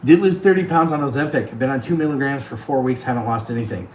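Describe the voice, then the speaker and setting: His voice a bit worn, a livestream host on the road talks through a tablet mic on his iPad, laughing frequently and calling out viewers by name to thank them. The voice is mid-range and slightly mellow, delivered at a quick pace. There's an echoey room sound and a faint hiss or hum.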